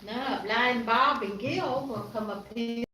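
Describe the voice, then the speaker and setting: A woman's voice: a little high, slow. Woman running a meeting in an echoey hall. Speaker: presiding club officer. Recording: echoey hall from far off, loud background noise.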